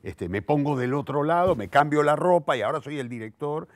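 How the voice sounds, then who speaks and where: Fairly high in pitch and lively in intonation, this man's voice moves at a fairly quick clip on a dry recording. The speaker, a Rioplatense Argentine playwright, director and theatre teacher in his sixties, reflects eloquently in an interview, thinking aloud, self-correcting, and repeating words as he hunts for the next one.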